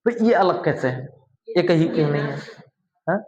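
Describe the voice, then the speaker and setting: A male teacher with a high voice walks his students through the lesson step by step, often stopping to ask them questions. The sound is a little muffled and echoes off the walls of the room. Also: moderate pace, a little mellow, a little hiss or hum. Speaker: Hindi teacher. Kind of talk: classroom lesson.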